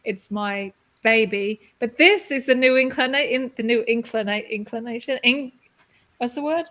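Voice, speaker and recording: A woman co-hosting a casual live stream chat, telling stories in a chatty way with quick asides. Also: a little high, fairly bright tone. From not from the city where she lives. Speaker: magazine co-founder and live stream host.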